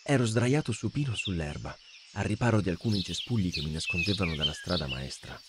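A man narrating a fantasy novel as an audiobook, reading in an expressive, dramatic way. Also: low voice, fairly quick, background noise. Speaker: audiobook reader.

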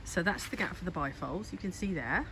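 A woman's voice: fairly low pitch, lively intonation, a little fast, background noise. A woman giving a casual walk-and-talk vlog about her home renovation, chatty and thinking aloud, recorded outdoors in a garden on a handheld phone. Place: outdoors in a garden building site. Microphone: handheld phone camera.

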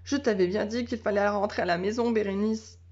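A woman's voice: medium pitch, brisk, a little mellow, lightly acted. A woman voicing a big, timid young male dog who yelps and whines anxiously in a storybook. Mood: sulky, sad. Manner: yelping barks, then anxious complaining. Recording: dull lo-fi sound.

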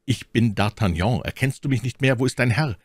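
A man's voice: mid-range voice, brisk, slightly rough, no echo, pitched above the performer's own voice. A man voicing a hot-blooded young man who speaks with urgency and emphasis. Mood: urgent.

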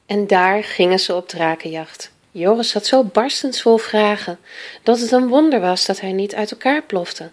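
A woman reading a children's picture book aloud in a lively, expressive way. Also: mid-range voice, normal speed. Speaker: storyteller.

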